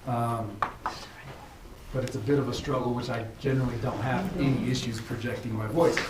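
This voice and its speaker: Hoarse man presenting in an echoey room. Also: medium pitch, fairly even intonation, far from the mic, background noise. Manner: halting, with many fillers and restarts. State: losing his voice. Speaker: high school principal. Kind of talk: presenting at a school committee meeting. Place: school meeting room.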